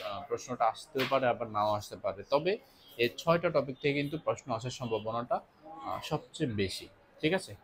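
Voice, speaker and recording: A man's voice: medium pitch, slight background noise. A man teaching an exam-prep lesson, explaining step by step, repeating key points and answering his own questions.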